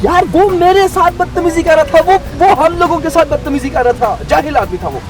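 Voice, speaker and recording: An actor playing a flustered young newlywed husband in a TV drama, pleading and repeating himself. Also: male voice, sits high, sing-song, fairly quick, over music. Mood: exasperated. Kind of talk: TV drama acting.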